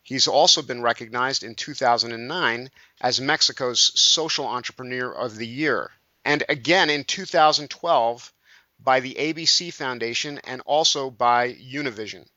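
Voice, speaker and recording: A man's voice: medium pitch, normal speed, bright, forceful tone, no echo, lo-fi sound. A man hosting a podcast interview, reading the guest's introduction and then asking questions. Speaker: podcast host.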